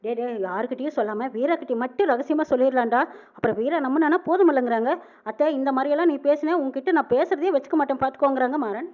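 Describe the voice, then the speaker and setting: Fast-talking woman retelling a serial, phone-like sound. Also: high voice. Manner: rapid, with a reporting tag after each quoted line. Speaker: serial recap narrator. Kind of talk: fast retelling of a TV serial episode, quoting every character. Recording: narrow phone-like band.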